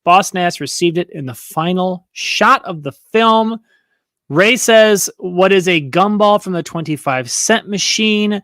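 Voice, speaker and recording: A man's voice: high-pitched, unhurried, a bit bright, dry recording. A man hosting a trivia livestream, playfully teasing his contestant and reading out questions and chat comments. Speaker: trivia host.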